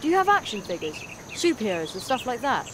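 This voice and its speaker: A young boy adventurer in a video game. He is curious and polite, with lively rises and falls, over clear cricket and water ambience. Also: very high-pitched, quick pace, background noise, exaggerated voice. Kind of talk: video game character acting.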